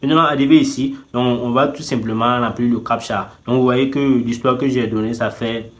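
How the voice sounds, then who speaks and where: In a mid-range, fairly bright voice at normal speed and a steady tone, a YouTube host records a casual screen tutorial, thinking aloud as he clicks through a website. He says "tout simplement" constantly and speaks straight to his viewers, teasing them to subscribe.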